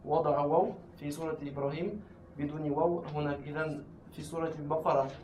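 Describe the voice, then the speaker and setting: A man speaking up as a student in class, quickly offering a point and reciting verses from memory. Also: on the high side, steady tone, warm tone. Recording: echoey room with clear background noise.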